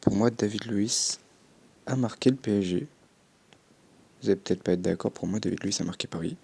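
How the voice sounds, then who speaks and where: A man's voice: on the low side, fairly quick, vocal fry, dark tone, slightly rough. A young man chatting casually as a gaming YouTuber, commenting on his game with offhand swearing and little sound effects.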